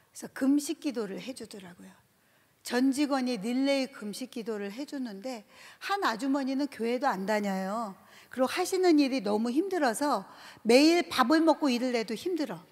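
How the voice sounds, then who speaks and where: High-voiced woman telling a church testimony. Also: normal speed. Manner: lively storytelling, acts out voices, laughs. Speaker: company president giving a testimony. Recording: reverberant large hall.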